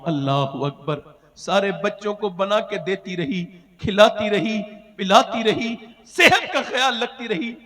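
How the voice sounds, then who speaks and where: Male preacher, high voice, dramatic storytelling sermon, echoing PA reverb. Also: unhurried. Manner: dramatic, swinging from loud cries to hushed lines, half-sung phrases.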